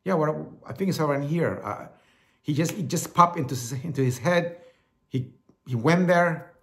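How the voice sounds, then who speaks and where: In a slightly high, expressive voice with a fairly bright tone, a middle-aged Salvadoran talk show host speaks at normal speed with a Salvadoran Spanish accent. His monologue wanders casually, repeating words and acting out the voices he quotes.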